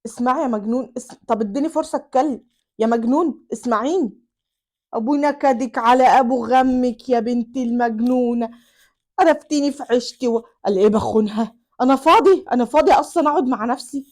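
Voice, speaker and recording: A woman voicing a weary husband in an Egyptian accent, grumbling with loud exasperated bursts. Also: a little high, fast talker, close to an everyday voice.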